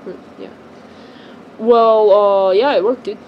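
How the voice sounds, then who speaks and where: A girl voicing an excitable older brother who rambles, full of fillers and restarts. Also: mid-range voice, slow, lo-fi sound, slight background noise, lightly acted. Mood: chatty.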